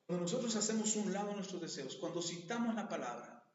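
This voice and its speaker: Pastor preaching, chatty, asks the crowd questions, long hall reverb. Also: male voice, sits high, animated, fast talker. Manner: conversational storytelling, asks the congregation questions. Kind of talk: sermon. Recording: echoey hall, dull sound.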